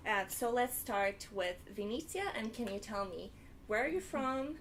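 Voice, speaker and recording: A woman's voice: fairly high pitch, animated, normal speed, fairly bright tone, a little hiss or hum. A young woman hosting a live student webinar panel, organised with a few fillers. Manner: organised, slightly hesitant with fillers. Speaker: panel host.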